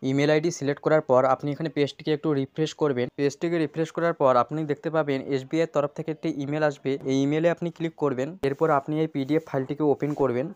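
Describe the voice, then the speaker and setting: A man's voice: fairly high pitch, steady tone, racing, hardly any pauses, smooth, dry recording. A man narrating a step-by-step how-to video as its host, in a scripted instructional style.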